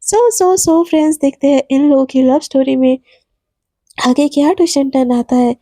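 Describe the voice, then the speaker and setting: Woman retelling a story, very high voice, mellow and dry. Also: normal speed, dry recording. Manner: retells dialogue with many "she says" tags; animated, acts out lines in higher voice. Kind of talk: casual spoken storytelling.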